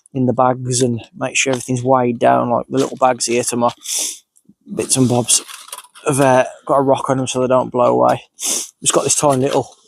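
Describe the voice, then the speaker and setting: Sniffly, creaky-voiced man vlogging outdoors. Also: mid-range voice, a little hiss or hum, poor audio. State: sniffly from a cold. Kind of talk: casual, unscripted narration while doing tasks. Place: outdoors in countryside.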